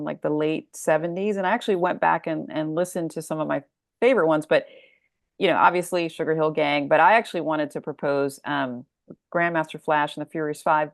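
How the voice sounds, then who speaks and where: Here the middle-aged American author sounds low-pitched and creaky as she muses casually about her story collection, reasoning her way through each answer in a discursive, reflective manner. There's no echo, and the audio is studio quality.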